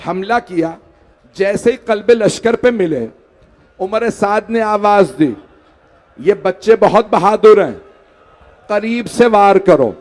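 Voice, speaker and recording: A man with a high-pitched voice delivers a mourning sermon to a gathering. He pleads with his listeners and rises into loud, wailing lament as he recites. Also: expressive, slow, long pauses. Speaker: majlis orator. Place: mosque hall.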